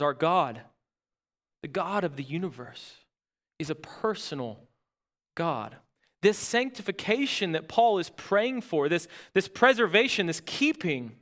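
A man preaching a sermon as pastor, earnest and emphatic, with dramatic pauses, asking the congregation questions and answering them himself. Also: high voice, a bit bright.

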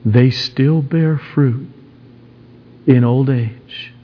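A man preaching an expository sermon in an emphatic, dramatic manner, with rhetorical questions and swings between hushed and forceful delivery. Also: medium pitch, drawn-out words. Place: large reverberant room. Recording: dull, echoey large hall.

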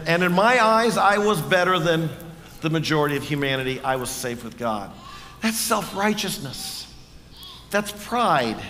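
A man's voice: high-pitched, pushed and bright, long reverb tail. A man preaching a sermon in a church, earnest and conversational, often asking the congregation questions. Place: church sanctuary.

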